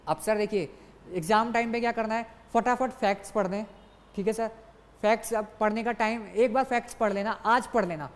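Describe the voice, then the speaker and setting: A young man teaching an online exam-prep lecture, brisk and coaxing, repeating key points and calling his students "sir" constantly. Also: high voice. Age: young adult. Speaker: exam tutor. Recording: long reverb, as in a large hall.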